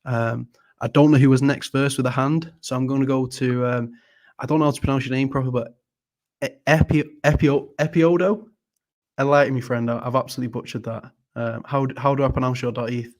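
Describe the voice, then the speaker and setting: A man's voice: mid-range voice, flat delivery, fast. A man hosting a casual live audio panel, friendly and hesitant, often repeating words and apologizing. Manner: friendly, calls people mate. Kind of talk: casual chat.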